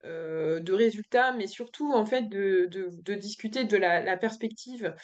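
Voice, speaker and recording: A woman from presents remotely at a conference, hesitating often and restarting her phrases. Her voice comes through a dull, lo-fi video call line. Her pitch is middling. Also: unhurried. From France. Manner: hesitant, many fillers and restarts.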